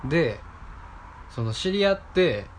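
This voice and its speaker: Kansai male storyteller, animated delivery, slight hiss behind, acts out the lines he quotes. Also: on the high side, a little slow. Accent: Kansai Japanese. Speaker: podcast co-host. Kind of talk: comedic storytelling chat.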